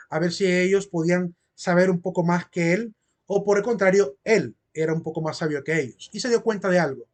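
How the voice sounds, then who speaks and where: High-voiced man teaching a philosophy class. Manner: explanatory, repeats phrases and asks "¿verdad?". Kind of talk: online class lecture.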